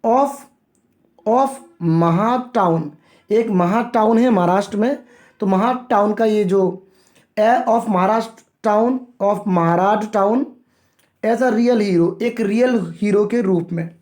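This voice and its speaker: A man teaching English vocabulary from a newspaper, reading phrases slowly and explaining each in Hindi, repeating himself and addressing viewers as friends. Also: high voice, a little mellow. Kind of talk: line-by-line newspaper vocabulary lesson.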